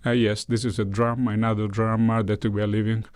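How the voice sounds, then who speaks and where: A man's voice: fairly low pitch, level tone, fairly quick, darkish tone, dry recording. A man who speaks English as a second language, answering in an interview, searching for words and repeating them for emphasis. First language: not English. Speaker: interviewee, representative of a cultural foundation.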